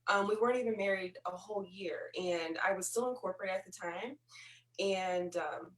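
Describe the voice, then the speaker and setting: A woman speaking as a guest in a casual panel chat, telling stories with lively acted-out quotes. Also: mid-range voice, normal speed, distant mic. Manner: animated storyteller, acts out quoted voices. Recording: roomy, from off the mic.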